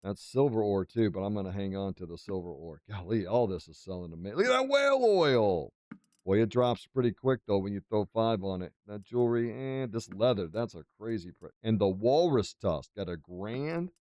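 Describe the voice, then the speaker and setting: A man with a fairly low voice hosts a casual gaming playthrough. He talks in an exclamatory, playfully boastful way, commenting on the game as he plays. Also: moderate pace, hardly any pauses, dark tone, no echo. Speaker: gaming video host.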